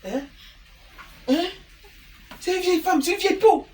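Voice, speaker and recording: An actor playing a lecherous, manipulative middle-aged uncle, insistent and wheedling. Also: male voice, extremely high pitch, unhurried, darkish tone. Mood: coaxing. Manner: insistent, wheedling, keeps tagging "hein?". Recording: distant mic with background music.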